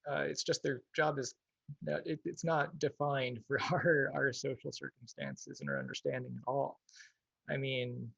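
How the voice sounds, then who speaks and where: Gravelly-voiced man on a lo-fi call. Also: mid-range voice, animated, moderate pace, fairly bright tone, no echo. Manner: thoughtful, hedging, full of "like" and "you know". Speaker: guest, activist. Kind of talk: casual livestream interview.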